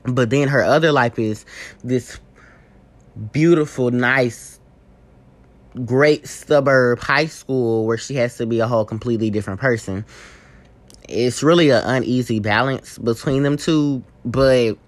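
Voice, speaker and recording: A man's voice: medium pitch, unhurried. A man giving a casual spoken book report, talking in an informal, rambling way and correcting himself as he goes.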